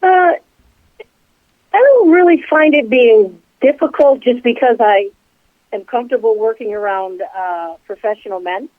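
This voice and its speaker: A woman in her sixties answers interview questions over a tinny phone line. She talks in a measured, unhurried way, leaning on fillers as she thinks, and the sound is dry and close. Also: fairly high pitch, no echo. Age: 60s. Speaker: guest, commercial realtor and company co-founder.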